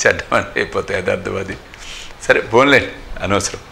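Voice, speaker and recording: A man's voice: low voice, moderate pace, vocal fry, bright, forceful tone, slight background noise. A man giving a devotional discourse as a spiritual teacher, emphatic and full of rhetorical questions, with English phrases spoken.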